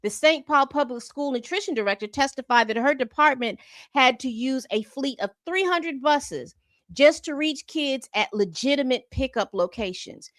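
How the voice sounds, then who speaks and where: A woman's voice: sits high, no room sound. A woman hosting a commentary channel, reading from a report and breaking off into exasperated asides. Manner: reads documents aloud then comments with exasperated asides.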